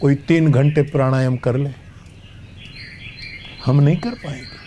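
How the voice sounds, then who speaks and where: An older man from Gujarat, giving a devotional discourse in measured storytelling with sung verses. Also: medium pitch, steady tone, mellow, a little hiss or hum. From Gujarat, India. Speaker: spiritual storyteller.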